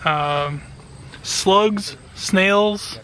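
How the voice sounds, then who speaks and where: A man's voice: sits high, extremely slow, bright, forceful tone, slight background noise, rough recording. An enthusiastic man giving casual hands-on commentary as a gardening vlogger.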